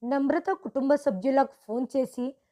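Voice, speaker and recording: Calm and unbending, this storybook father speaks in a flat, measured voice, as a woman narrator reads him in her own high tone. He sounds firm and cold. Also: lightly acted. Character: stern middle-aged father, cold and firm.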